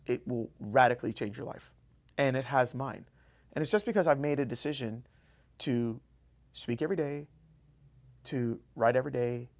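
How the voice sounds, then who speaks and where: Emphatic male motivational podcast host. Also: medium pitch. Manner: energetic, emphatic, repeats key phrases. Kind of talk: solo motivational podcast talk. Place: room, alone.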